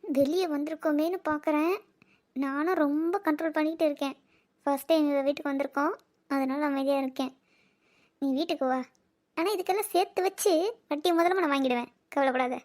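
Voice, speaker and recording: A woman's voice: sits high, brisk, long pauses, background noise, lightly acted. A woman voicing a teasing, scheming teenage sister in a cartoon, needling her brother with mock threats. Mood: threatening. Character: teen girl, teasing and scheming younger sister.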